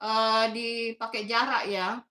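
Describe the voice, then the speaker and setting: A woman's voice: fairly high pitch, fairly even intonation, takes it slowly, sharp tone. A woman in her fifties from Makassar, chatting casually with viewers in her bedroom on a livestream. She calls herself Bunda, laughs often and talks in a motherly way. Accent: Indonesian, from Makassar. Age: 50s. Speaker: livestream host. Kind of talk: casual livestream chat, reading viewer comments. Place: bedroom at home.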